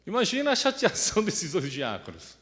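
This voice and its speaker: Animated preacher, echoey hall. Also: male voice, sits high, a little fast. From Brazil. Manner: conversational preaching, often asks "né?" and acts out quoted voices. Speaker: pastor. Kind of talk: sermon with personal story.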